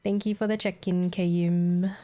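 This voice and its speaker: This Australian woman, a native Vietnamese speaker, streams games and chats casually while playing, sounding tired, giggly and scatterbrained as she reads the chat aloud. Her voice sits on the low side, warm in tone but flat in delivery, at a measured pace.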